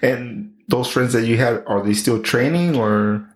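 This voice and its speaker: A man's voice: mid-range voice, measured pace. A man hosting a podcast, interviewing a guest in an upbeat manner. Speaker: podcast host. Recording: echoey room.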